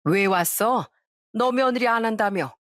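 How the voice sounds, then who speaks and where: Casting: a stern older mother-in-law, played by a woman, scolding loudly with a raised pitch. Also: fairly quick, dry recording, clean studio sound, lightly acted. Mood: curt. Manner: scolding, shouting.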